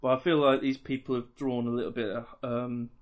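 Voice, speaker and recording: A man's voice: medium pitch, little pitch movement, brisk. A man co-hosting a casual podcast, a wry storyteller who builds his tales up with dramatic setups. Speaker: podcast co-host.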